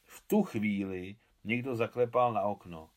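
A man reading his own translation of a novel aloud, measured and expressive. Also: lowish voice. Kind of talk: literary reading.

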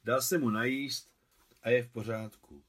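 A man's voice: mid-range voice, steady tone, a bit bright, natural voice. A man reading as a kindly old watchman. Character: old male hospital watchman, humble and kindly. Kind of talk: audiobook reading.

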